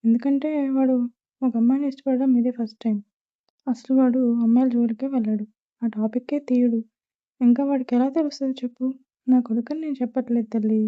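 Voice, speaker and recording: A woman voicing a caring middle-aged mother who gently advises her son's shy young bride, on a tinny, phone-like recording. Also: fairly high pitch, lightly acted.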